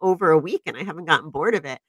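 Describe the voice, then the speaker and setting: Lower-voiced woman, animated podcast storyteller. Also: rapid-fire, breathy edge, dry recording. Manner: animated storyteller, laughs often. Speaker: podcast co-host. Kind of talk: casual chat. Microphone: podcast microphone.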